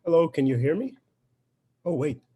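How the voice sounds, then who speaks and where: A man's voice: on the high side, expressive, moderate pace, mellow, breathy edge. A young man with a Lebanese accent and Arabic as his first language, a poet speaking informally and reflectively to introduce a reading, with frequent hesitations. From Beirut, Lebanon.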